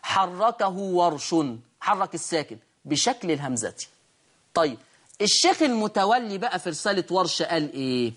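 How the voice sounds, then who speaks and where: A woman's voice: on the low side, big pitch swings, slightly rough. Egyptian woman teaching Quran recitation. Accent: Egyptian Arabic. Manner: asks rhetorical questions and answers them; draws out quoted verses slowly. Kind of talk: online recitation lesson.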